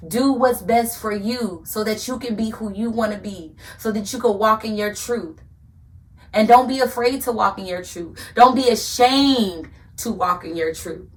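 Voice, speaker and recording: A woman's voice: medium pitch, a little slow, far from the mic. A woman hosting a podcast, giving an earnest faith-based motivational talk and repeating phrases for emphasis like a preacher. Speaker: podcast host.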